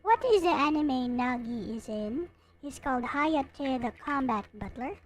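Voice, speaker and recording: A live streamer with a high-pitched, lively voice chats casually and directly to her viewers at an unhurried pace while playing a visual novel and reading it aloud, with game music in the background.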